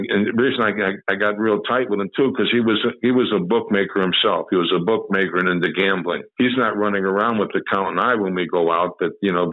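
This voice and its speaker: A man telling a first-person story in a rambling way, often repeating and restarting his sentences. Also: low voice. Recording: tinny phone-like audio.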